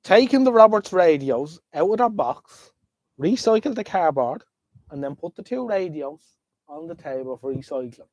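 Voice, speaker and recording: An Irish man hosting a live stream chats casually into a desk microphone, rambling to his viewers and sniffling from a slight head cold. His voice is a little high and darkish, with lively intonation at normal speed, and there's no room sound.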